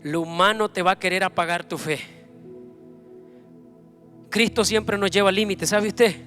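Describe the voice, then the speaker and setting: A man preaching a sermon with fervour, building up to loud proclamations. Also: high voice, fairly even intonation, unhurried, soft background music. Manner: fervent, rising to loud proclamations.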